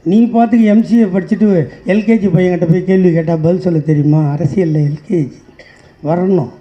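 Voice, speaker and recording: A man's voice: high voice, fairly even intonation, a little fast, lo-fi sound. Sarcastic man on stage. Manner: rhythmic sarcastic refrains, rising to shouts. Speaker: political party speaker. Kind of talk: political stage speech.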